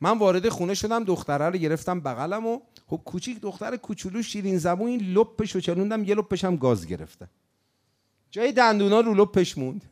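Guy giving a sermon, tells it like a story, kinda high voice that jumps around a lot, chants bits sometimes. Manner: animated storyteller, breaks into chanted phrases. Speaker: preacher.

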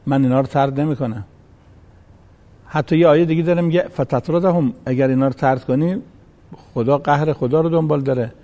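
A man's voice: on the high side, warm tone. A man preaching a sermon, reciting Arabic verses and acting out the voices in a folk story.

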